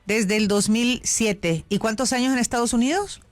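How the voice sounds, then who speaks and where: A woman from Honduras hosting a call-in radio show, speaking courteously and asking measured questions. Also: on the high side, faint music behind. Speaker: radio host. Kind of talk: radio interview.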